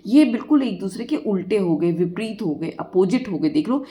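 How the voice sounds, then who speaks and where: A woman's voice: mid-range voice, lively intonation, normal speed, dark tone. A woman math teacher, explaining a lesson step by step and asking her students questions.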